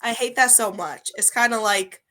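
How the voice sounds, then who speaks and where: A woman's voice: on the high side, moderate pace. A young woman in her twenties hosting a casual interview, chatty and full of "like" fillers. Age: 20s. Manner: chatty, frequent "like" fillers, lively when quoting others. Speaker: host.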